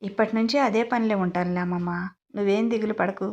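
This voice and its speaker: A woman's voice: medium pitch, fairly even intonation, fast, darkish tone, muffled recording, natural voice. A woman voicing a brash, playful young groom who teases and insists. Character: bold teasing young man, newly married groom.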